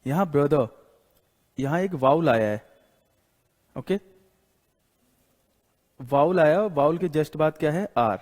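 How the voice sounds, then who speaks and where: A male teacher giving a classroom lecture. He explains slowly, repeats his points and keeps asking "got it?", mixing English words into Hindi. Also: on the high side, animated, darkish tone. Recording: long hall reverb.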